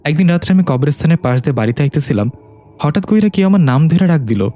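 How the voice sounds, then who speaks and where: A man's voice: a little high, lively intonation, fast talker, warm tone, soft background music, pitched above the performer's own voice, lightly acted. A man voicing a timid young petty thief, humble and frightened as he tells his story. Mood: fearful retelling. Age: 20s.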